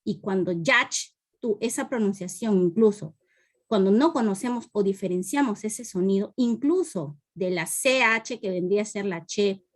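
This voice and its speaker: A woman's voice: medium pitch, normal speed. Rambling woman student asking at length. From Peruvian Amazon, Iquitos. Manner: long rambling question with many fillers. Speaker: student teacher in an online class. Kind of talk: asking a question in a video class.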